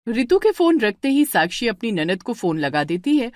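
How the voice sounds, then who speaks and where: A woman telling a bedtime story in an even storytelling manner. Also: fairly high pitch, normal speed, dry recording, studio quality. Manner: even, storytelling, voices all roles. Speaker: narrator. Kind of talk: scripted storybook narration.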